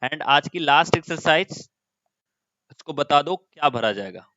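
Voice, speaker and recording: A man's voice: on the high side, expressive, unhurried, pushed and bright, no room sound, lo-fi sound. A man teaching an online class, explaining step by step and often putting questions to his students.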